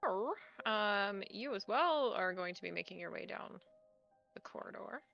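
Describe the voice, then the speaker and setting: A woman's voice: medium pitch, animated, unhurried, creaky, muffled recording, faint music behind. A woman game master narrating a tabletop game in a casual, conversational way.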